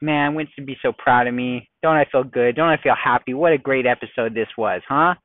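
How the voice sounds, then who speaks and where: A man hosting a casual solo podcast from his car in traffic, chatty and quickly worked up, firing off rhetorical questions. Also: mid-range voice, no echo. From United States. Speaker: podcast host. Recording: tinny phone-like dry sound.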